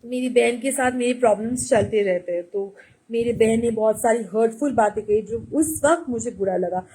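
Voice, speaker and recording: High, husky-voiced woman vlogger. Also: normal speed, low-quality recording. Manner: animated, mixes Hindi and English, mocking. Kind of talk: sarcastic storytelling monologue.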